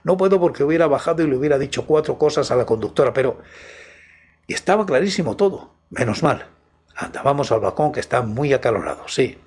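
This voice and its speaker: Husky male storyteller from Spain. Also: medium pitch, lively intonation, quick pace, a little mellow. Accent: Spanish from Spain. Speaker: host and narrator. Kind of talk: dramatic first-person storytelling narration.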